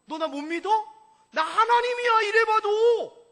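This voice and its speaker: A man voicing God as an almighty, scolding figure, loudly insisting on who he is. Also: extremely high pitch, expressive, a little slow, pitched above the performer's own voice, full character voice. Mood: boastful. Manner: emphatic, loud, repeating "I am God". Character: almighty God, boastful and scolding, speaking to a patriarch. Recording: echoey church hall.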